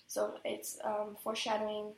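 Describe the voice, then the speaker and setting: A woman's voice: mid-range voice, completely flat delivery, normal speed, slight background noise. A woman student answering exam questions about a poem, hesitant, with frequent restarts and fillers. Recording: echoey room.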